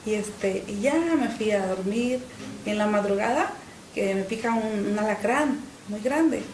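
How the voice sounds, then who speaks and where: A middle-aged woman, giving an earnest personal faith testimony in an interview, often pausing on "este" and repeating words. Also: mid-range voice, darkish tone, echoey room, slight background noise, low-quality recording. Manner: earnest, with frequent "este" fillers and repetitions. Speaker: interview guest.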